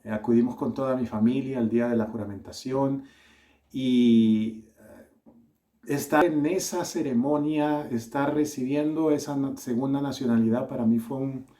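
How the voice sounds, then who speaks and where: Delivering a sermon with measured earnestness, this mid-range voice belongs to a man from El Salvador. His Salvadoran accent is tempered by hints of Colombian speech.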